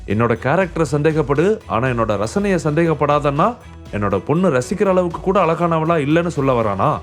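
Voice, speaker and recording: A man voicing an arrogant, middle-aged rich father who shouts orders in anger, in an audiobook. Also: fairly high pitch, lively intonation, a little fast, faint music behind, close to an everyday voice. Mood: furious. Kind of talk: audiobook character voice.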